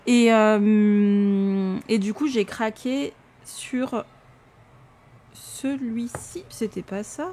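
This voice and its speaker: A young woman from France chatting casually to camera in a vlog, animated and full of fillers. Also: mid-range voice, very slow, slight background noise. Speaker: vlogger. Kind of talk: casual unboxing chat to camera.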